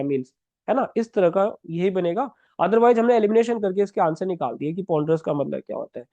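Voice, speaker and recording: A man teaches vocabulary for competitive exams, explaining each word step by step and checking in with his students. His voice sits high, with a mellow, soft-edged tone. The recording is dry, with no room sound, and slightly muffled. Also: no echo. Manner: explains step by step, often asks "है ना", writing words as he talks. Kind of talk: exam-prep vocabulary lesson.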